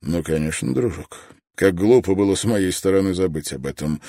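A man's voice: deep voice, moderate pace, mellow, no echo, clean studio sound. A man reading an audiobook, voicing a genial, assured male merchant chief.

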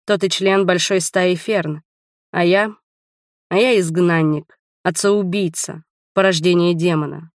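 A woman voicing a grave, tender young male swordsman who speaks quietly and slowly. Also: fairly low pitch, no echo, clean studio sound, natural voice.

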